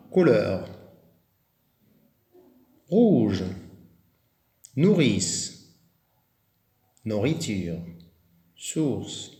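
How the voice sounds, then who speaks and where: A man's voice: mid-range voice, a little mellow, echoey room. A man with a Moroccan French accent, teaching a primary reading lesson, patiently sounding out and repeating words. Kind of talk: slow, clearly articulated reading lesson.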